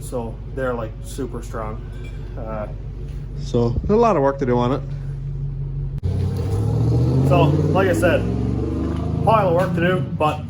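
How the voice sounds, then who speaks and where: A man vlogging about building his hot rod, talking in a relaxed, rambling way with fillers, recorded on a camera mic outdoors and in a garage. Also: mid-range voice. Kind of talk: casual shop vlog. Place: outdoors in wind and in a garage shop. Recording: noisy outdoor wind and traffic.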